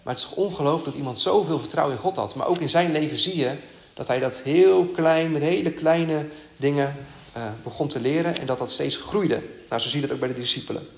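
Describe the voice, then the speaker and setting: A man preaching a sermon in an earnest, halting way, with many fillers and restarts. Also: a little high, vocal fry, a bit bright, echoey room.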